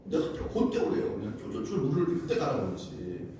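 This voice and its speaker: A man's voice: mid-range voice, huge pitch swings, fast. A man, a pastor, preaching a Wednesday prayer service sermon, asking the congregation questions and telling the story with animation. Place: church sanctuary. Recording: very echoey church, distant mic, faint hiss.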